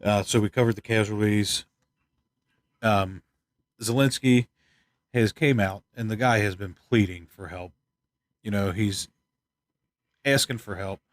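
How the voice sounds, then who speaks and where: A man from the United States giving rambling, opinionated news commentary, tired and stuffed up, clearing his throat often. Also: on the low side, unhurried, pauses often, no echo, clean studio sound. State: congested, stuffed up. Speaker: channel host. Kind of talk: casual news commentary vlog.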